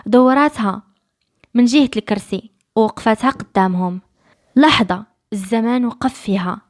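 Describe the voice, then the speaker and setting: A woman with a Moroccan accent narrating a dramatic story. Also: a little high. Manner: lively, fast storytelling.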